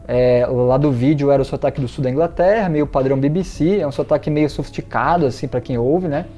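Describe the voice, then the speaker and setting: A man's voice: a little high, mellow. A man teaching English in a casual video lesson, chatting with many fillers and reading out viewer comments. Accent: Brazilian Portuguese.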